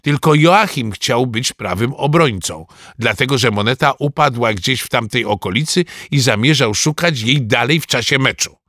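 A man reading a children's story aloud in a lively first-person boy narrator's manner. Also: medium pitch, moderate pace, few pauses, dry recording, clean studio sound. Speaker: audiobook narrator.

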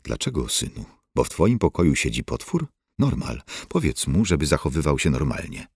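Male narrator doing stubborn old mother, scolding, dismissive; deep but lively, dry read. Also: normal speed, vocal fry, slightly rough, no echo, exaggerated voice.

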